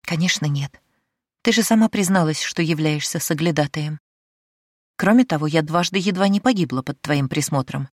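A woman's voice: deep voice, moderate pace, no echo, studio quality. A woman voicing a capricious young noblewoman in an audiobook, with a demanding, sarcastic manner. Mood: smug.

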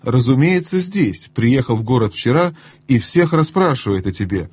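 A man's voice: medium pitch, expressive, moderate pace, darkish tone, husky, no room sound. A man voicing a vain, chattering young noblewoman who gushes languidly over trifles in an audiobook. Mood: gushing.

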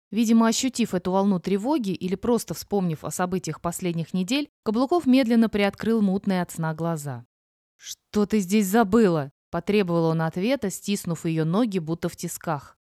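A woman narrating a novel in an expressive, dramatic reading. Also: mid-range voice, no room sound, clean studio sound. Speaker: audiobook narrator. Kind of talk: scripted audiobook narration.

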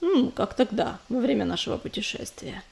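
A steady young tomcat warrior from a storybook, speaking low and measured, never rattled, as a woman reader lowers her voice for him. He sounds calm and sensible. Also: vocal fry, full character voice. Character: young male warrior cat, calm and level-headed.

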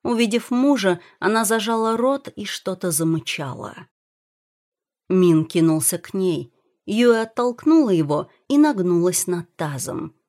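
Brief: female audiobook narrator, expressive, a bit wry. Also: mid-range voice, a little slow.

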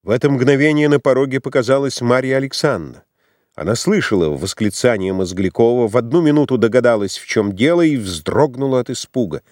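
A man reading a classic novel as an audiobook, narrating in an expressive, dramatic way. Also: medium pitch, fairly quick, no echo, studio quality. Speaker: audiobook reader.

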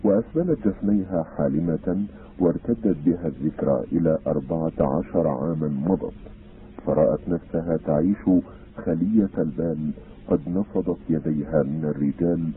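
Man, audiobook narrator, formal measured reading, very deep voice, tinny phone-like sound, faint hiss. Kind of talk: scripted narration.

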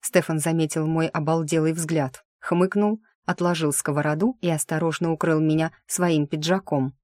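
A woman's voice: deep voice, steady tone, moderate pace, a little mellow, no echo. A woman reading a first-person audiobook in a wry, sardonic inner-monologue manner, close to the mic. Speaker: audiobook narrator.

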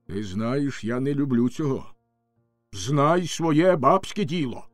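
A man voicing a stern, proud Cossack warrior husband with a gruff, commanding delivery. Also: mid-range voice, lively intonation, takes it slowly, no echo, clean studio sound, faint music behind.

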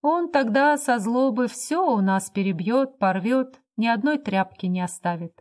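A woman's voice: fairly high pitch, expressive, unhurried, a little mellow. A woman reading the part of a downtrodden wife who speaks with apathetic, bitter pleading.

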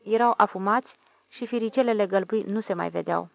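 A woman narrating a literary audiobook in a calm, even storytelling voice. Her pitch sits in a middle range. The recording is close and dry, with no room sound. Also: creaky, no echo.

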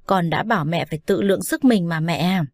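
Cheeky young wife read by a woman, mocking but calm, low-ish, dry sound. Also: brisk, dry recording, close to an everyday voice. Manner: calm, teasing, lightly mocking. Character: defiant young daughter-in-law, cheeky and unafraid.

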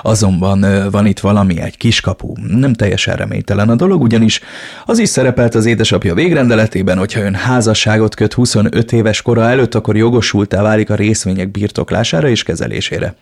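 A man reading an audiobook plays a composed lawyer who explains things in a measured, formal way. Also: on the low side, vocal fry, a little mellow. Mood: matter-of-fact. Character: composed middle-aged male lawyer, matter-of-fact.

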